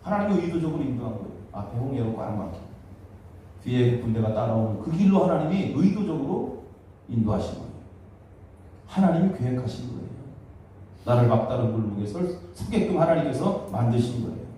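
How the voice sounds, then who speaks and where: A male pastor delivers a sermon in a church sanctuary. His voice is mellow and somewhat higher-pitched, and it is picked up from a distance with heavy room echo. He drives his points home by repeating phrases and acting out the voices of complainers. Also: very animated, brisk, a little hiss or hum. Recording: echoey church hall, mic at a distance.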